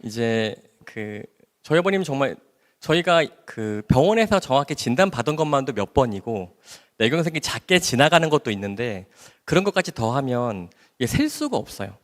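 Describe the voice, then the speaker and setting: Animated man giving a church testimony. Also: mid-range voice, normal speed. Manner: emotional, animated storytelling. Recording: long hall reverb.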